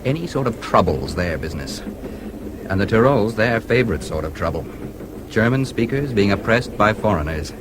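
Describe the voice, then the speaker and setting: The genial, confident American newspaperman in this radio drama is played by an actor with an American accent, a lowish voice, and big pitch swings at normal speed. His tone is explanatory, breezy, and self-assured, and clear background noise runs under the radio play.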